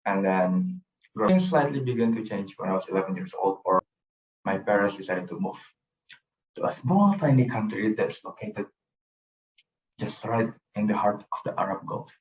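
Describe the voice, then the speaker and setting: A young man gives a student presentation about his own life in a slightly low voice. He talks earnestly and circles back to the same phrases. The sound is dull and roomy, as if the mic sat well away from him. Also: expressive, normal speed, far from the mic. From Indonesia. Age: young adult. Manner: earnest, storytelling, repeats phrases. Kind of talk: personal presentation talk.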